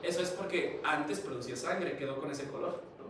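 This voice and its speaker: A man's voice: a little high, brisk, fairly bright tone. Man lecturing in an echoey classroom. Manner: conversational, keeps asking students questions. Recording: echoey classroom, mic far off, noisy.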